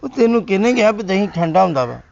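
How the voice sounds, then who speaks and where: Punjabi man, high pitch, complaining lazy husband, lo-fi sound. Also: very animated, fast, creaky, a little mellow, no room sound. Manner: whiny, complaining he is sick. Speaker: comic actor as a lazy husband. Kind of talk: Punjabi comedy sketch acting. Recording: dull lo-fi sound.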